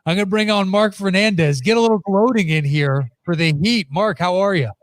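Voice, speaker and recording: A man's voice: high voice, brisk, no room sound. A man hosting a sports podcast with blunt, conversational, casual commentary.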